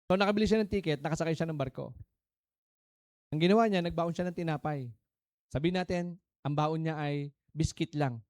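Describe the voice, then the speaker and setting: A man with a Filipino accent preaching a sermon, telling stories and calling out questions to the congregation, moving between soft asides and emphatic lines. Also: on the high side, brisk, long pauses, dry recording. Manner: preaching in Tagalog mixed with English, swinging between soft and emphatic; calls out to the congregation for answers, storytelling. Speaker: pastor.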